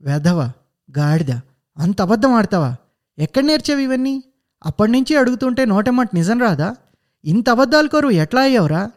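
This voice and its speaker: A man voicing a furious mother who shouts and scolds her young son. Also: very high-pitched, expressive, quick pace, pitched above the performer's own voice.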